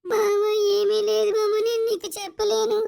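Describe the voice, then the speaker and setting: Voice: extremely high pitch, steady tone, brisk. A performer voicing a worried, tearful young cartoon boy who pleads and frets in a whiny way. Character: young boy cartoon character, mischievous but anxious. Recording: loud background game music.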